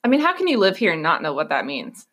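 A woman's voice: fairly low pitch, huge pitch swings, quick pace, fairly bright tone, breathy edge. A young woman from Georgia, co-hosting a casual chat with her best friend, teasing her with dry quips. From Georgia, USA.

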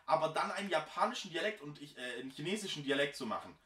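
A man's voice: fairly high pitch, lively intonation, fast, sharp tone. A young man chatting casually on a podcast, rambling and hesitant with many fillers. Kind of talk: casual chat. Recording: echoey room, mic at a distance.

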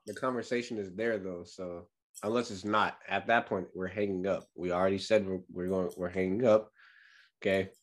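A man's voice: sits low, fairly even intonation, moderate pace. A man chatting casually as a podcast co-host, blunt and emphatic, repeating phrases for effect. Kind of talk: casual chat.

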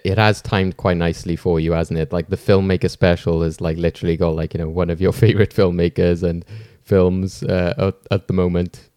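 Man, very low mellow voice, informal rambling podcast host. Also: no echo, studio quality. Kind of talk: casual hosting chat.

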